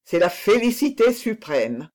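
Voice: mid-range voice, big pitch swings, measured pace, darkish tone, pitched above the performer's own voice. A reader voicing a nobleman torn by love, speaking in a breathless, exclamatory way. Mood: overwhelmed.

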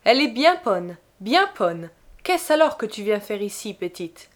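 A woman voicing an arrogant, drunk young Prussian officer who taunts loudly and fakes a clumsy accent. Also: mid-range voice, big pitch swings, unhurried. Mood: mocking. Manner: loud taunting, fake German-tinged pronunciation.

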